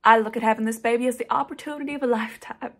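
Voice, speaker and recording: A young woman acts out a headstrong young daughter in a stage drama monologue. Her voice sits fairly high. She is emotional and insistent as she makes her case to her mother. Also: fairly even intonation, racing, a bit bright. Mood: earnest. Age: young adult. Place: small indoor room, plain wall.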